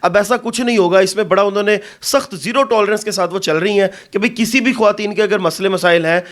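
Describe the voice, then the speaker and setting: A man from Pakistan conducts an interview in a fairly high voice. He asks sympathetic, probing questions and answers with firm comments. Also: fairly bright tone.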